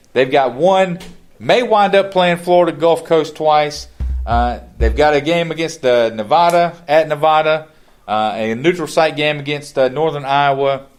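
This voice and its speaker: Talkative man with a higher voice. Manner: talkative, rambling with frequent restarts. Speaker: podcast co-host. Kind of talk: casual sports chat.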